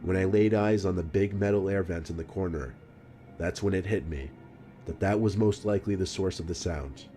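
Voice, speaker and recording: A man reading a scripted story in a calm, measured narration. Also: low-pitched, faint music behind.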